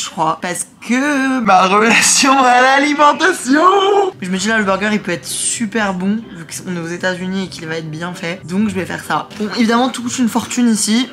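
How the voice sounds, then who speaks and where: A young adult woman talking casually to a handheld camera, chatty and playful with self-mocking asides, from city streets and a hotel room. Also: medium pitch. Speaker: travel vlogger. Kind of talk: casual vlog talk to camera. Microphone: handheld vlogging camera.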